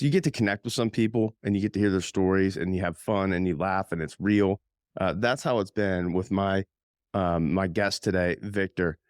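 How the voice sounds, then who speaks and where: A male podcast host with a very low voice, slightly hoarse from a cold. He talks in a loose, rambling way, circling back and filling pauses with "um". The recording is dry and close to the mic. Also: no room sound. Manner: chatty, rambling, with many fillers and restarts. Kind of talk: casual podcast hosting.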